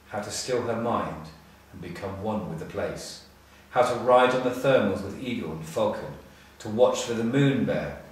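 A middle-aged man on a school's staff reads a storybook aloud, picked up by a distant mic in a very echoey room. His voice is a little low, and he phrases the scripted text expressively with measured pauses.

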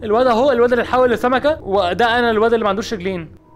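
With an extremely high, racing voice and fairly even intonation, this Egyptian Arabic speaker narrates a game video over slight hiss or hum. Jumpy and frightened, he repeatedly asks what's happening.

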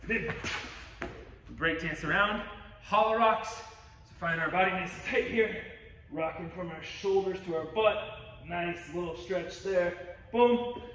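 A man coaching a workout warm-up, demonstrating each move, upbeat and out of breath, recorded in a gym. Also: slow, pauses often, echoey room, long reverb tail, recorded from a distance, a little hiss or hum. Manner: upbeat, cues moves with "boom". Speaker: fitness coach. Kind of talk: workout instruction demo.

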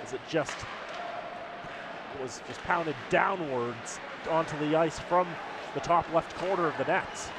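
A man serves as color commentator at an ice hockey game, analysing the play. His voice is on the higher side. Loud rink ambience sits behind it. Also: unhurried, pauses often, a loud crowd. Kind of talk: live sports analysis. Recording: noisy ice rink broadcast.

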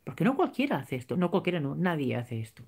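Woman, low-pitched, theatrical and emotional, casual livestream chat, reading viewer comments. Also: very animated, fast talker, darkish tone, breathy edge. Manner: theatrical, tearful, laughing and exaggerated. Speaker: vlogger reading live chat.

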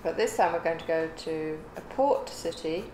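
With a low, darkish voice at normal speed, the host's older mother chats casually as a guest on a craft livestream. She rambles in a thoughtful way and keeps correcting herself; the setting is a living room or home craft room, echoey and with clear background noise.

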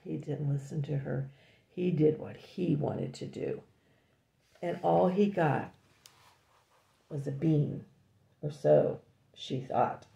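An older woman reading a picture book aloud to a child, often pausing to comment and ask questions. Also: low-pitched, vocal fry, warm tone, muffled recording. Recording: echoey room.

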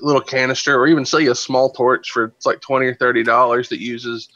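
A man's voice: medium pitch, fairly even intonation, fast, pushed and bright, no room sound. A man chatting casually and explaining things over a video call. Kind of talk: casual chat. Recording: dull lo-fi video-call audio.

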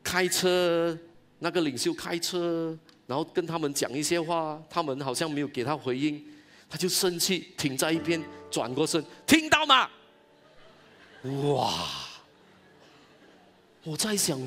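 A man, a pastor giving an animated, exclamatory sermon at a church conference. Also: fairly high pitch, normal speed, faint music behind.

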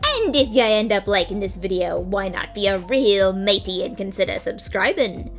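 A woman voicing a swaggering pirate, drawling slowly and theatrically with pirate slang, over faint music. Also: medium pitch, animated, natural voice. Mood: hammy.

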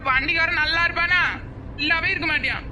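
A woman's voice: very high-pitched, fairly even intonation, fast talker, a crowd in the background, background noise. A woman voicing a greedy young village woman obsessed with biryani, with a southern Tamil accent and a pleading, whiny manner. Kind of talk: cartoon voice acting.

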